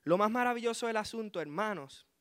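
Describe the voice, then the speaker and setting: Man in his thirties sharing his testimony before a congregation; animated and chuckling, with a sharp, bright, fairly high voice. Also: brisk, smooth. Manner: lively storyteller, chuckles as he talks. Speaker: speaker giving a testimony.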